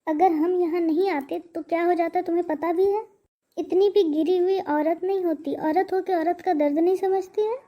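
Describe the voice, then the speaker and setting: A woman's voice: very high-pitched, fairly even intonation, normal speed, warm tone. A woman voicing a caring elder daughter-in-law in a cartoon story, urgent and reproachful. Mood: indignant.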